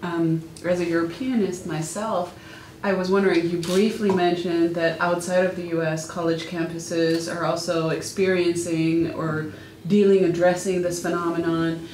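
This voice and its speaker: A woman's voice: on the low side, little pitch movement, moderate pace, darkish tone. A woman academic posing a tentative question in a group discussion, rephrasing as she goes. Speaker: academic, Europeanist. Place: small indoor meeting room. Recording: echoey room, faint noise.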